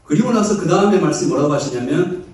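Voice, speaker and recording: A man's voice: on the high side, animated, fast, a little mellow. A man preaching a sermon in a conversational, lightly joking way, acting out bits of dialogue. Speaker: pastor. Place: church hall. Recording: echoey hall, mic far off.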